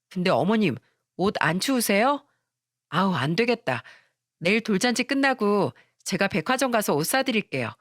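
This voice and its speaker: A woman's voice: no room sound, studio quality, lightly acted. A woman voicing a fawning, two-faced young daughter-in-law who talks in a sugary, fussy way. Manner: sugary and fussy, turns shrill when cornered.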